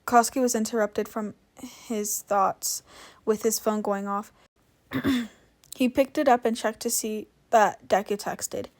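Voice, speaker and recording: A woman's voice: mid-range voice, steady tone, measured pace. A woman reading a fan story aloud in a casual, unpolished way with small slips. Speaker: reader.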